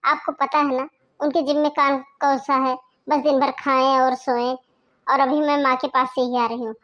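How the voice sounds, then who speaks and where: Woman voicing a loud, scolding sister-in-law. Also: high voice, moderate pace, dull audio. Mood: irritated. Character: rude, impatient young sister-in-law woman. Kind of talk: cartoon voice acting.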